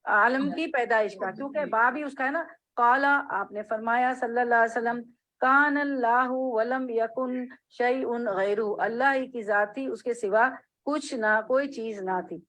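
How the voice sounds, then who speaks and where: On poor audio, a woman's fairly bright, high-leaning voice delivers a hadith lecture. She goes through the text phrase by phrase, reading the Arabic, explaining it in Urdu, and making sure the class keeps up.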